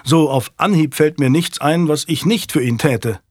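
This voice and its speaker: A man voices an earnest, uneasy young nobleman, raising his voice to a slightly high pitch above his own natural one, though it still sounds close to everyday speech. He talks at normal speed, and the recording is clean studio sound with no echo.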